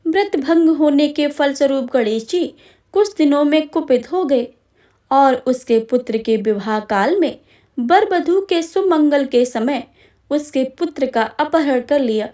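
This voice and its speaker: A woman reading a devotional story aloud in a reverent, measured, formal manner. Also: high-pitched, animated, dark tone, recorded from a distance.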